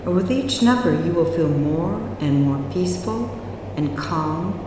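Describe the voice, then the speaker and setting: A woman guiding a hypnosis meditation with a slow, soothing countdown, in a very echoey recording with long reverb. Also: lowish voice, lively intonation, distant mic, background noise. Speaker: hypnotherapy guide. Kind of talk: guided hypnosis meditation narration. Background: music.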